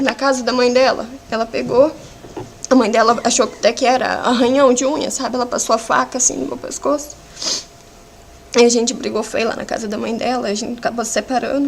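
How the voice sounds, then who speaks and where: Brief: Brazilian woman, defendant on the stand, raised pitch, rough gravelly edge, halting fragmented retelling. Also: slight background noise. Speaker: defendant under questioning. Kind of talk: courtroom testimony. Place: courtroom hearing.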